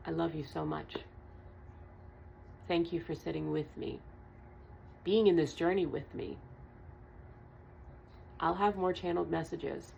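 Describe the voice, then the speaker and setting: A woman's voice: low voice, creaky, dull audio, slight background noise. A woman tarot reader delivering a channeled message in an earnest, emphatic monologue, repeating her points and swearing casually. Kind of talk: spiritual vlog monologue.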